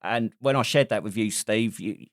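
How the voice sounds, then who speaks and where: A man's voice: fairly low pitch, moderate pace, dry recording, studio quality. A man who is an army veteran co-hosting a podcast, easygoing and steering the chat with questions. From Britain. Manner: easygoing, leads the conversation with questions. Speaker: podcast co-host. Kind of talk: casual chat.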